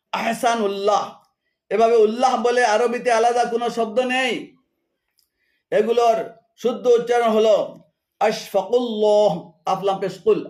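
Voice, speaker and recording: A man from Assam delivers a methodical, scripted religious lesson, slowing down to recite each phrase carefully. His voice sits fairly high for a man. The recording carries a noticeable room echo. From Assam, India. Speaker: Islamic teacher. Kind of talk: scripted lecture on Arabic pronunciation.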